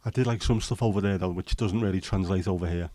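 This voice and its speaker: Talking fast in a low, dark voice, a man from England hosts a casual livestream, reading and answering comments with rambling ums and restarts. The recording is dry.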